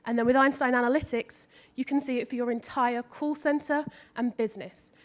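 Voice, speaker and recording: A woman with a high voice presents a live software demo. She talks briskly through each feature. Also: steady tone. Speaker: app presenter.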